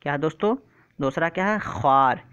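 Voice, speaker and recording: A man's voice: fairly high pitch, expressive, a little fast, fairly bright tone, smooth, muffled recording. A man teaching an exam-prep vocabulary lesson online, who often repeats terms and keeps asking his viewers questions. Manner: repeats words and quizzes the viewer.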